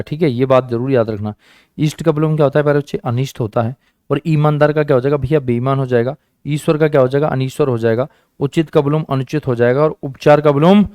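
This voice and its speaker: A man's voice: mid-range voice, a little mellow, no room sound, studio quality. A man teaching an online exam-prep class, coaxing his students, repeating each question and answer and calling them friends and children. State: sore hand, says it hurts.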